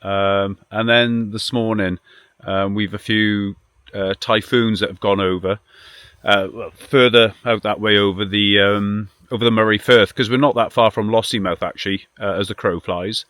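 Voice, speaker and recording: A man's voice: fairly low pitch, fairly even intonation, normal speed, fairly bright tone, clear, resonant tone, no room sound, studio quality. A British man chatting casually to camera as a vanlife vlogger, in a rambling, self-deprecating and mildly sweary way. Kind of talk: casual vlog chat.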